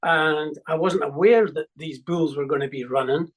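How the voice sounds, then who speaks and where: An older man from Scotland with a Scottish accent, a musician recalling his childhood in an interview with many pauses and restarts. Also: on the high side, husky, poor audio. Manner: hesitant, full of ums and restarts. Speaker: musician guest. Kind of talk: reminiscing interview.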